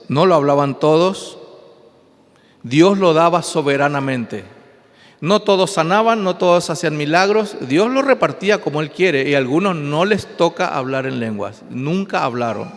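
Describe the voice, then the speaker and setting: A man's voice: fairly high pitch, animated, a little slow. A pastor preaching an emphatic sermon, his voice rising and falling. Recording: long hall reverb.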